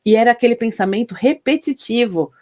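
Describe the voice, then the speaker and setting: Speaking a little fast with lively intonation and a fairly high pitch, a middle-aged physician recounts her personal story as an interview guest. She is reflective and emotional, using many tag questions.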